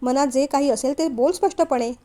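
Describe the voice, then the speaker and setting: A steady devoted young son, firm and earnest in an audio novel, a woman voicing him in a high, light voice. he talks plainly and means every word. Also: fairly quick, close to an everyday voice.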